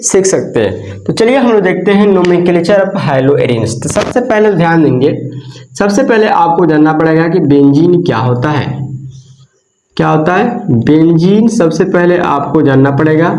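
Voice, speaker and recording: Echoey chemistry teacher quizzing himself. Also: male voice, fairly high pitch, animated, normal speed, a little mellow. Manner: repeats questions and answers them himself. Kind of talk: explanatory classroom lesson. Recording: echoey room.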